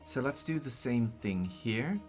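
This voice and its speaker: In a small room at his desk, a young man from Austria talks casually to his live-stream audience while building a map, speaking German natively with an Austrian accent. His medium-pitched, darkish voice moves at a measured pace with lively intonation, and he thinks aloud with frequent ums and restarts. Faint music sits under a slightly dull recording.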